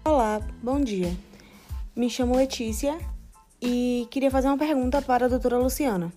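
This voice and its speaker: A woman's voice: a little high, moderate pace, over music. Woman calling in over the phone. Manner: polite, asks a careful question. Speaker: caller to a radio show.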